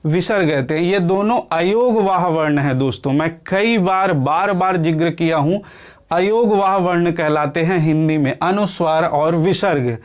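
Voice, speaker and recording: High-voiced man teaching a lesson. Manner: explains step by step, keeps asking the class questions and answering them; sounds out letters slowly to demonstrate. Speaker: exam coaching teacher. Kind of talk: classroom lecture.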